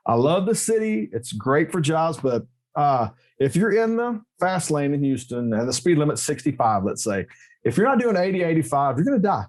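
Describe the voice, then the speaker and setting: A man, a podcast guest chatting casually, joking and telling stories with emphatic rises in pitch. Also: moderate pace. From Texas. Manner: animated, joking storyteller with emphatic pitch jumps. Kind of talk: casual interview chat.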